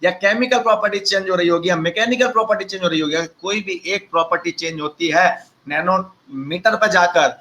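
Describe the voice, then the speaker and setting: A man's voice: high-pitched, a little fast, few pauses, pushed and bright, lo-fi sound. A man, teaching a live online lecture and mixing chatty, teasing asides to his students into the explanation.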